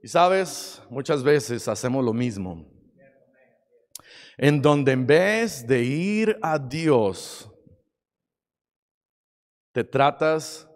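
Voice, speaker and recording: Dramatic pastor preaching, lively pitch. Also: male voice, slow, long pauses. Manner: dramatic, acts out stories, shifts from shouting to quiet. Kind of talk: sermon. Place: church. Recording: long hall reverb.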